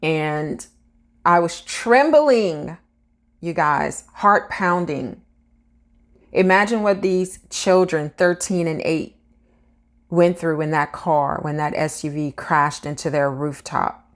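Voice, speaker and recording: A woman's voice: low voice, slow. A woman reading out a news story and then chatting earnestly to her viewers about it. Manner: earnest, addresses viewers directly. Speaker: vlogger.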